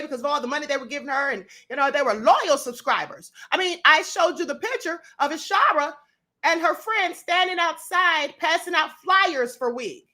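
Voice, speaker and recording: An American woman delivers exposé commentary to her online audience in a high-pitched, sharp voice. She is smug and sarcastic, taunting the person she is calling out. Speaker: online video host. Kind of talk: exposé commentary talking to viewers.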